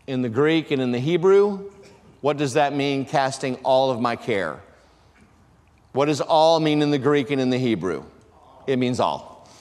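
A male pastor preaching a sermon in an emphatic style that swells into shouts for emphasis. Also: fairly high pitch. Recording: long reverb of a large hall.

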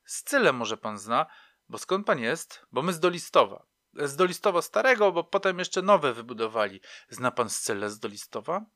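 A man's voice: fairly high pitch, sing-song, normal speed, pushed and bright, no echo, clean studio sound, voice pushed up. A man voicing a talkative, nosy, pious older woman fussing over a fellow passenger. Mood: chatty.

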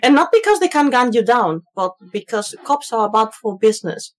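A woman's voice: on the high side, very animated, normal speed. A woman co-hosting a podcast in casual chat, wry and explanatory. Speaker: podcast co-host.

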